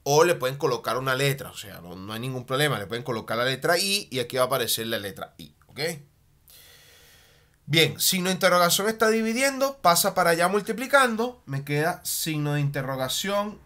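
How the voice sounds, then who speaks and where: A man teaching a math lesson at a board, animated, often checking in with a quick "ok?" and slowing down on key terms as he writes. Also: on the high side. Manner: slows down and stretches key terms while writing.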